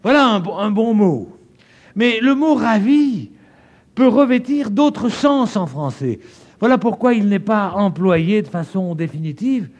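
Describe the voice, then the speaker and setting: This French preacher, with a French accent, delivers his sermon a little slowly and expressively. Key words get emphatic stress and are drawn out, and both his pitch and his loudness swing widely.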